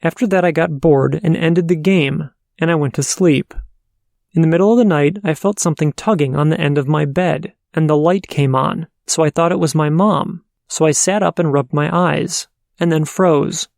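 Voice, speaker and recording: A man hosting a paranormal podcast, reading listener letters aloud in a steady, measured way. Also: fairly high pitch, vocal fry, no echo, studio quality.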